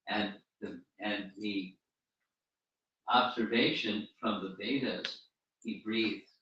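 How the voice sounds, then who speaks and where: In a very echoey room at a home gathering, a fairly low-voiced man, a spiritual teacher, gives an informal religious talk and answers questions, often repeating and restarting his words. His tone is steady, slow, pushed and bright. He sounds distant, the recording is dull and muffled, and there's slight background noise.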